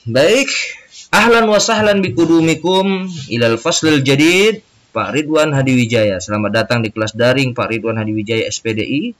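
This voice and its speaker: A man's voice: mid-range voice, animated, normal speed, fairly bright tone. A man with an Indonesian accent teaching a recorded Arabic lesson for children, drawing out words and repeating them for pupils to echo.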